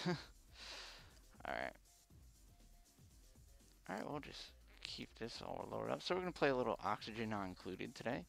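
A man chats casually on a livestream through a face mask, which muffles his words. His mid-range voice has a lot of creak and fry. He talks haltingly and without polish, with faint music behind him. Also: medium pitch, big pitch swings, fairly bright tone. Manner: halting, hesitant, unpolished first-time streamer. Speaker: live streamer. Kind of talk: casual unscripted livestream chat.

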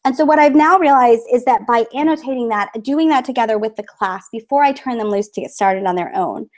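A woman with a slightly higher voice presents to other teachers over a video call. She explains her classroom methods in a friendly, loose way, full of ums and little restarts. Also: brisk, a little mellow. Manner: friendly, explanatory, many fillers, acts out classroom exchanges. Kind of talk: conference presentation with screen share.

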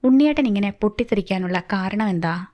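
A woman's voice: mid-range voice, lively intonation, fairly quick, muffled recording, lightly acted. Anxious wife pressing her husband with questions, audiobook voice, a woman reading it plainly. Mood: upset. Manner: pleading, probing. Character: worried wife and mother, questioning and insistent.

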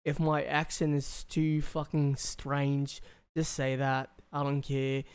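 A young Australian man hosts a reaction video, rambling casually with slang and swearing. His medium-pitched voice is monotone, slow, darkish, clear, and resonant, picked up by a close desk microphone in a small indoor bedroom.

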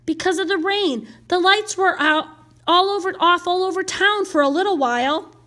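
A woman reading the part of a gentle, sympathetic man who speaks calmly and kindly. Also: very high-pitched, moderate pace, voice pushed up. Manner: gentle, soothing.

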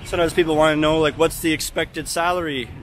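A man's voice: fairly high pitch, fairly even intonation, quick pace. 30s guy walking and talking to his camera outdoors, casual explainer vibe, street noise in the back. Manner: talks while walking. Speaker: travel vlogger and English teacher. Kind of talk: walking vlog talk to camera. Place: outdoors in a city park and temple grounds. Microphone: handheld camera at arm's length. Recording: outdoor city noise behind. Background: traffic and city ambience.

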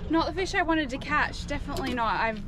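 Aussie girl fishing off a boat, high bright voice, whooping and chatty, loud wind and motor noise. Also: fast talker. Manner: excited whoops and exclamations, chatty. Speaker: fishing vlogger. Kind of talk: casual fishing vlog commentary. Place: outdoors on a small boat at sea. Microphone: action camera on the boat.

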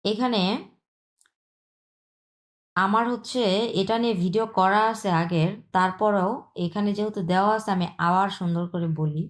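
A woman with a Bangladeshi accent teaching a language lesson, patiently repeating points and drawing out example sounds slowly. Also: medium pitch, steady tone. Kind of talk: explanatory lesson.

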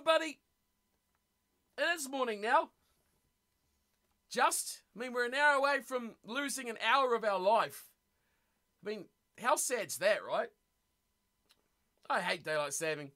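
A man's voice: extremely high pitch, sharp tone. A man with a New Zealand accent hosting a rugby watch-party stream, chatting casually with viewers, teasing them and laughing often. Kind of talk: casual live-stream chat, reading chat aloud.

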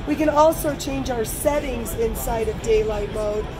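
A middle-aged woman giving a trade show product pitch, explaining it step by step as a demonstrator. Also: normal speed, poor audio. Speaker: company representative demonstrating a product. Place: large busy trade show hall booth. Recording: busy crowd noise and music behind.

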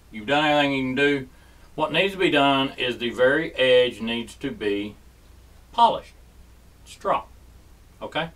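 A folksy man walks through a casual how-to demonstration and keeps checking in with "okay?". His voice sits at an everyday middle pitch. He is recorded from a little way off the mic. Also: a bit bright, distant mic, poor audio. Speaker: host. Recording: voice set back from the mic.

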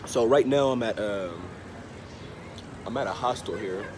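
Filming himself on a phone at arm's length, a congested, unwell travel vlogger in his thirties talks casually to camera in a lowish voice, taking his time and repeating himself. The setting is a noisy open-fronted hostel bar or cafe with traffic and street ambience all around.

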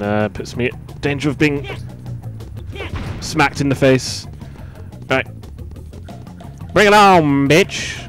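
Man, let's play commentator, casual, excitable, mid pitch, faint game music. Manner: chatty, excitable, swears now and then.

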